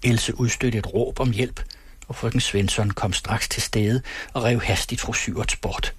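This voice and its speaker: A man narrating a novel as an audiobook in a measured, steady way. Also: mid-range voice, slightly rough, dry recording. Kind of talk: audiobook reading.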